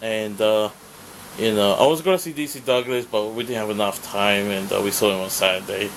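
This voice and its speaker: A man's voice: lowish voice, steady tone, fairly quick, noisy background. A man recapping his convention day in a casual vlog, rambling with lots of fillers and swearing. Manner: rambling, profane, heavy fillers. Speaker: vlogger.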